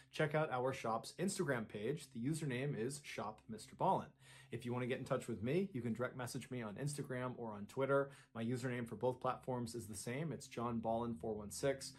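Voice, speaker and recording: A man hosting an online channel, telling a true story with animated, dramatic emphasis. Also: mid-range voice, husky. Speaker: storyteller host. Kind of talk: true-story narration to camera.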